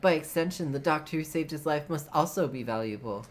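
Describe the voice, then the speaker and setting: A woman's voice: deep voice, lively intonation, a little fast. A woman voicing an earnest, proud young male noble bird in a game, speaking with stiff, formal diction. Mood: brooding. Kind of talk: reading visual novel dialogue aloud. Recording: faint music behind.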